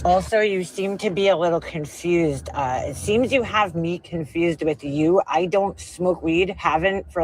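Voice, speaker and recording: A woman's voice: lowish voice, a little hiss or hum. A woman in a played video clip, ranting defensively and insulting the person she is answering. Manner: indignant, insulting.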